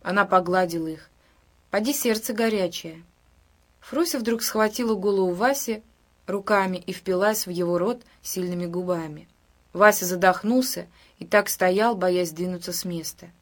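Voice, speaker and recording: A woman narrating an audiobook in a calm, even storytelling voice. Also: lowish voice, moderate pace. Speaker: audiobook reader. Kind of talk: scripted narration.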